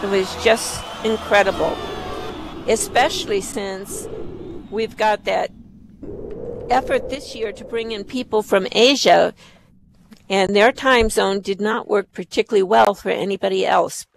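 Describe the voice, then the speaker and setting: A woman's voice: medium pitch, fairly even intonation, a little slow, vocal fry, a little hiss or hum, low-quality recording. A woman presenting awards live at an online event as the host, effusive in her praise.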